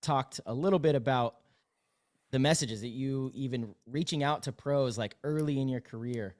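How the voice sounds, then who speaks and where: A man in his thirties hosts a podcast at a middle pitch. His questions are friendly, loose and roundabout. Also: moderate pace, darkish tone. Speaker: podcast host. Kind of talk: casual podcast interview.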